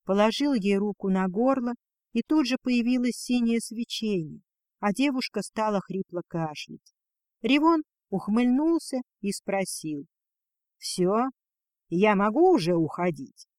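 High-voiced man narrating a fantasy tale. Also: animated, unhurried, a little mellow, no echo, clean studio sound. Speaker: audiobook narrator.

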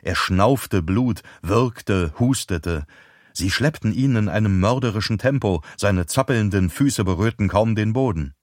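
Man, audiobook narrator, low voice, dry close sound, tense measured storytelling. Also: animated, no echo.

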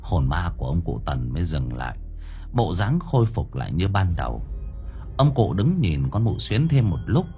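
A man's voice: low-pitched, very animated, normal speed, dark tone, faint music behind. A man narrating a ghost story as an audiobook, vivid and dramatic.

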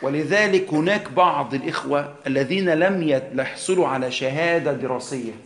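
A man's voice: a little high, fairly quick, a bit bright, reverberant. A man with an Egyptian Arabic accent teaching a religious lesson, explaining patiently, asking rhetorical questions, and mixing formal and colloquial Arabic. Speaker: sheikh teaching Quran exegesis.

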